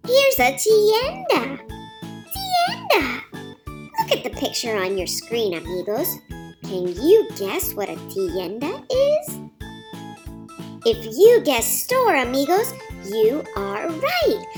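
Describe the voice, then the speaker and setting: Lady doing a cheery little girl cartoon language lesson narrator, super swoopy pitch, slow and encouraging. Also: wildly swooping pitch, music in the background, exaggerated voice. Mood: encouraging, teacherly. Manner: slow, deliberate, encouraging lesson narrator delivery, repeating words. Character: Rosie, cheerful, eager young girl teaching Spanish words.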